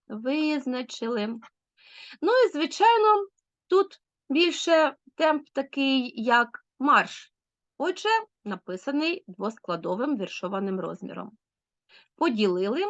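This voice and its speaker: A Ukrainian-accented woman teaching a literature lesson, her pitch rising and falling in a lively, teacherly way. The recording is dry and close, with a slightly dull, lo-fi sound. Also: no echo. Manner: lively teacherly, with many diminutives. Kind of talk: school lesson explanation.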